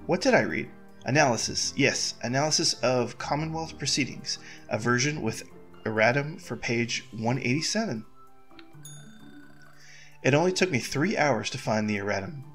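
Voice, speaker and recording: A man's voice: medium pitch, a bit bright, lightly acted. A man voicing a nervous young princess in a game, who frets aloud and keeps repeating reassurances to herself. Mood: self-soothing. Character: nervous young princess, anxious heir to throne. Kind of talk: reading game dialogue aloud.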